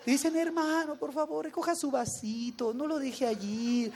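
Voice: high voice, fairly even intonation, normal speed. A preacher doing a honey-sweet polite church brother. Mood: sweetly polite. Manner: honeyed, gentle and overly polite. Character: sugary soft-spoken church brother, male adult.

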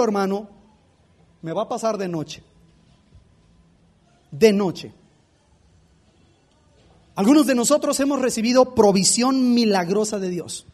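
A man preaching an impassioned sermon as a pastor, full of rhetorical questions. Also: very high voice.

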